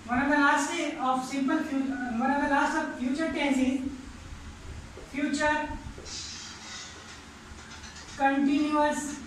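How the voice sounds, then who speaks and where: A woman with an Indian English accent teaching grammar in a classroom, explaining slowly in English and quickly in Hindi. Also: sits high, little pitch movement. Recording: echoey room recorded from far off, faint noise.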